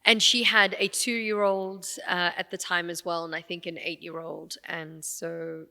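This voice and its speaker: A woman from Afghanistan recounts her family's story as a podcast guest, talking in an easy, chatty way with plenty of "um"s and "you know"s. Her voice sits fairly low yet sounds bright and forward. A long reverb trails behind her in the room. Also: unhurried, vocal fry. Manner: warm, animated storytelling with frequent fillers. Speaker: podcast guest, radio presenter. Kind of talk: storytelling in a casual interview.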